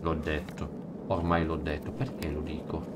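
A man commentating a live blind playthrough, muttering low to himself, then yelping and shouting when startled. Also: monotone, normal speed, heavy background noise. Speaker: gaming streamer.

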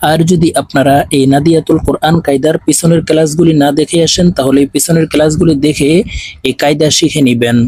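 A man with a Bangladeshi Bengali accent teaching Quran reading in an online lesson, drilling spellings slowly syllable by syllable. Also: on the high side, a little mellow, husky, no echo.

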